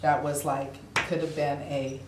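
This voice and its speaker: A woman's voice: deep voice, level tone, measured pace, noisy background. A woman school board member, chatty and self-deprecating, telling a story in a work session. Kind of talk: casual meeting discussion. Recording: echoey meeting room.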